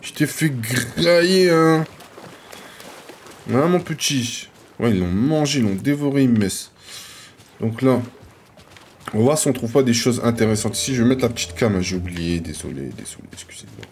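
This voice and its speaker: A man streaming a video game, commenting in an excitable, slangy, joking way and talking to his viewers. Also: medium pitch, fairly quick, a little hiss or hum. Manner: jumps to excited yelps. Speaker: gaming streamer. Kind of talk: excitable let's-play commentary.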